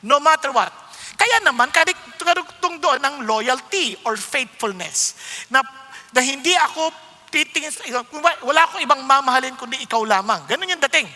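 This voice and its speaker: Very high, bright preacher in reverberant hall. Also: lively intonation, normal speed. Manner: emphatic, conversational preaching that quizzes the listeners. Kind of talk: sermon.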